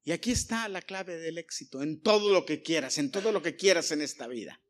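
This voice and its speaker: Male pastor, fairly high voice, emphatic sermon, loud calls and hushed asides, questions to the congregation. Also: lively intonation, fairly quick. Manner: addresses congregation directly with rhetorical questions.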